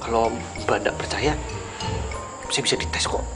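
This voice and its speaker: A man's voice: mid-range voice, steady tone, a little slow, music in the background, close to an everyday voice. An actor playing a humble, eager young working-class man in a TV comedy-drama. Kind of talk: scripted TV comedy-drama acting.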